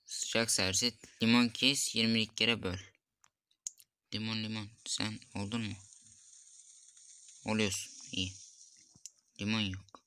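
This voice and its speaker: Slow, bright-voiced young man muttering through a game. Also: fairly low pitch, level tone, clear, resonant tone. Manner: mutters to himself, frustrated and exasperated at the game; reads recipe steps aloud slowly. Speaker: gameplay streamer. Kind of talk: casual gameplay commentary.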